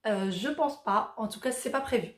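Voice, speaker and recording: A woman's voice: fairly high pitch, normal speed, reverberant. A Moroccan-born woman in her thirties, chatting casually as she reads out viewer questions and answers them with plenty of fillers. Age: 30s. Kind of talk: casual Q&A vlog.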